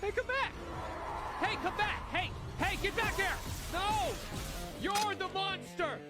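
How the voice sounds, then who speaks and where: A woman voicing a frantic young woman who shouts at a monster to come back. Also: very high voice, slow, over loud music. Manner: shouting, insistent.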